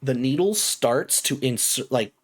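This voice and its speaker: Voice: medium pitch, lively intonation, measured pace, slightly rough. A game master narrating a tabletop game casually, with lots of fillers and restarts.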